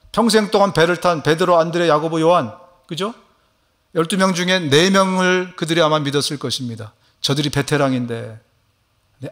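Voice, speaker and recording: A man's voice: fairly high pitch, a bit bright. A man preaching a sermon as a church pastor, emphatic, often asking the congregation questions. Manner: emphatic preaching, voices Jesus' questions slowly; asks the congregation questions, affirming 'ye'. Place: church sanctuary.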